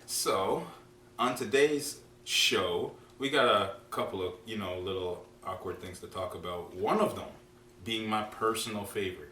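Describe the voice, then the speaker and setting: A man's voice: lowish voice, a little slow, pushed and bright. Blunt, profane man ranting in an echoey room. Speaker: podcast co-host. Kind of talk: casual podcast chat. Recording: echoey room, mic at a distance, faint hum.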